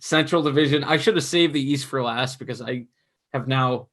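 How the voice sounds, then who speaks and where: A young man co-hosting a casual sports podcast, chatty and analytical, his voice going hoarse. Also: mid-range voice, moderate pace, fairly bright tone. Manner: chatty, analytical, self-mocking. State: losing his voice. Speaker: podcast co-host.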